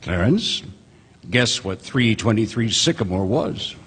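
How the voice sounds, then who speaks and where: An actor playing a folksy heavenly narrator, telling the story in an animated old-time radio drama manner on a theater stage. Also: male voice, fairly low pitch, measured pace, husky, exaggerated voice. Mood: chatty, amused. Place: live stage in a large theater. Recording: echoey theater hall.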